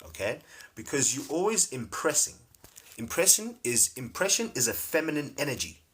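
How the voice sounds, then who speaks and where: A man teaching casually on a livestream, animated, repeating words and laughing often. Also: mid-range voice, moderate pace. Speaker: spiritual teacher streaming live. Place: home livestream setup.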